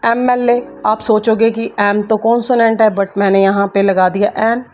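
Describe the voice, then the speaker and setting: A woman's voice: mid-range voice, level tone, normal speed, a little mellow, slight background noise. A woman from India with an Indian accent teaching English grammar in a patient, repetitive way, speaking to her students as kids. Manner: patient, repeats key points, addresses students as kids. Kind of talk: grammar lesson explaining at a board.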